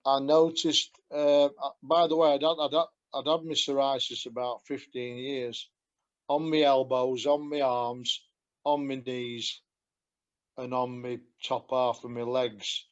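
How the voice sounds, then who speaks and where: A man with a broad Yorkshire accent talks slowly and loosely over a video call, wandering off on tangents and laughing at himself. His voice sits at an ordinary pitch. The call audio is dull and lo-fi. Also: little pitch movement. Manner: rambling, self-deprecating, chuckles often. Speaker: guest giving a testimonial. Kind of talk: casual video call chat.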